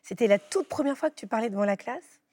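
A woman's voice: a little high, expressive, fast, a little mellow. A woman hosting a television talk show, asking encouraging questions. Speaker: TV show host. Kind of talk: interviewing.

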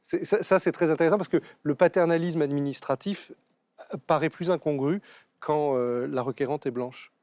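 A man author musing aloud on a TV talk show in halting phrases. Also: fairly high pitch, a little mellow, no echo. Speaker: author guest. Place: TV studio.

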